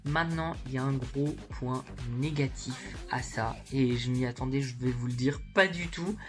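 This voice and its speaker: A woman's voice: very deep voice, moderate pace. Woman doing a casual makeup haul vlog, slangy and candid, bedroom, bit of music behind. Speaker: beauty vlogger.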